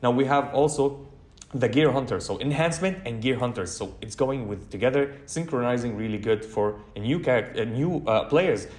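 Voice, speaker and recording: A man of middle pitch chats his way through a game walkthrough, stumbling over fillers and correcting himself as he goes. His voice carries a roomy echo, as if recorded in a bare room. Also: brisk, darkish tone. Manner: chatty, many fillers and self-corrections. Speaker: gaming channel host.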